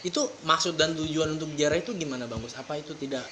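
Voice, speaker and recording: A man's voice: a little high, fast, crowd noise. A man hosting a casual interview, asking rambling questions full of fillers. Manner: chatty, hesitant questions with many fillers. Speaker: podcast host.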